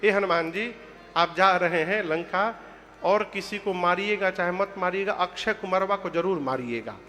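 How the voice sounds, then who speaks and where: A man's voice: high voice, normal speed, bright, forceful tone, in a large hall, faint music behind. A man voicing an earnest monkey warrior prince who urges a request in colloquial speech. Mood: urging.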